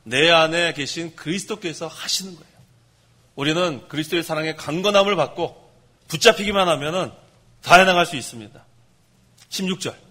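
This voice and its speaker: A male pastor giving a lively, direct sermon, speaking straight to his congregation with touches of dry humor. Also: fairly high pitch, fairly quick, pauses often.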